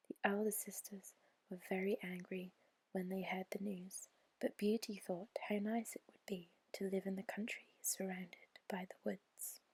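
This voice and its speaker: Speaking right into the microphone, a woman gently whispers a bedtime story, ASMR-style, breathy and calm with measured pacing. The mid-range voice carries no room sound.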